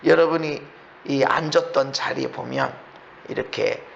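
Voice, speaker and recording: A man preaching a sermon as pastor in a church, swinging between hushed lines and shouting, with laughing asides. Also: medium pitch, steady tone, a little slow, creaky, a little hiss or hum. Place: church sanctuary. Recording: echoey church, muffled lo-fi.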